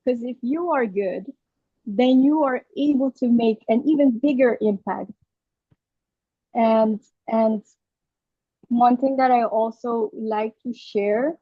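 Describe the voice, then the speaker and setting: A woman with a fairly high voice talks in an earnest, explanatory interview style. She stresses her key points by repeating them, and the sound is roomy and slightly dull. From Aruba. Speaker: podcast guest, travel content creator. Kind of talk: conversational interview.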